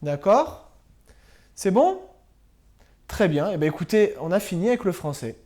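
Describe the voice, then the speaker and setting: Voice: medium pitch, big pitch swings, unhurried, warm tone. A primary school teacher giving a recorded lesson to pupils at home, patiently spelling words out letter by letter and often checking that they follow.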